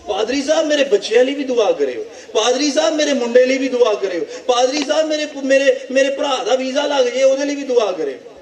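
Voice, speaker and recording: A man's voice: very high voice, lively intonation, darkish tone, pitched above the performer's own voice. A man voicing a churchgoer who keeps begging the pastor to pray for a son's visa, in a whiny, repetitive plea. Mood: pleading. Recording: echoey hall from a distance.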